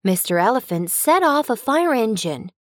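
A woman narrating a scripted children's cartoon story with a bright storytelling lilt. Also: a little high, big pitch swings, moderate pace, slight background noise.

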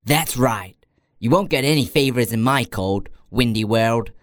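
A woman's voice: rumbling low, measured pace, dry recording, clean studio sound, voice pushed down. A woman voicing a cold, scornful winter wind in a storybook reading, taunting and laughing. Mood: mocking.

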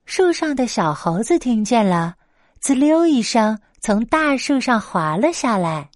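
A woman telling a bedtime story in a slow, gentle and expressive way. Her voice sits a little high and rises and falls a lot. The sound is close and dry. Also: no echo.

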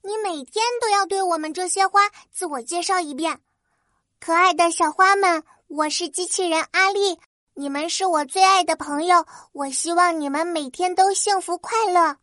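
A woman's voice: very high voice, moderate pace, pushed and bright, no room sound, clean studio sound, pitched above the performer's own voice. A woman voicing a tiny, hot-tempered flower fairy girl for a children's story, with a piping little voice and a petulant, complaining manner. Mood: indignant.

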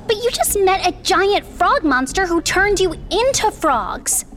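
An excitable, bossy young cartoon girl, voiced by a woman. The voice is very high and slow-paced. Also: exaggerated voice.

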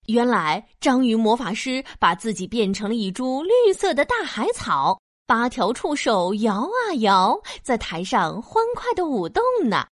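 A woman narrating a scripted children's story in an expressive storytelling manner. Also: fairly high pitch, unhurried, hardly any pauses, no echo, studio quality.

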